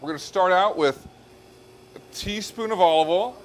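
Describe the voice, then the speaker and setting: With music playing under him and slight background noise, a man in his thirties who works as a chef demonstrates a pasta dish in a restaurant kitchen beside a hot stove. His voice is high and his speed normal, and he calmly explains every step while cooking.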